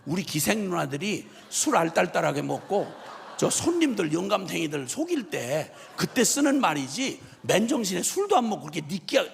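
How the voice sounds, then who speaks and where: A man's voice: sits high, moderate pace, gravelly, slight background noise. A man, a missionary preacher, giving a revival sermon in a church, telling stories with humor and mimicry. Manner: animated storytelling with humor and mimicry. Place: church sanctuary. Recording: long reverb of a church hall.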